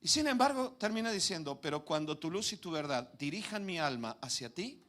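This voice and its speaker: A man's voice: a little high, a little fast. A man preaching a Sunday sermon, telling anecdotes and acting out quoted voices with laughs at his own stories. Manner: lively, acts out quoted voices, laughs at himself.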